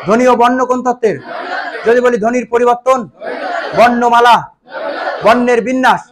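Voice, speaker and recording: High-voiced man quizzing a noisy class. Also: steady tone. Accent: Bangladeshi Bengali. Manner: loud, rapid-fire questioning of students, often laughing. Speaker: nursing coaching teacher. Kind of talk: call-and-response grammar quiz class. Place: coaching classroom with students. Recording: noisy classroom recording with student crowd. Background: students answering in chorus.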